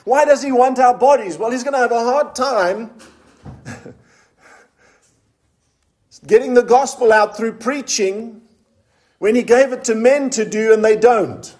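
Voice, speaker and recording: A male preacher giving a sermon. He asks the congregation questions and drops low and slow when he reads scripture aloud. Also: a little mellow. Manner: slows down to read scripture in a low, solemn voice.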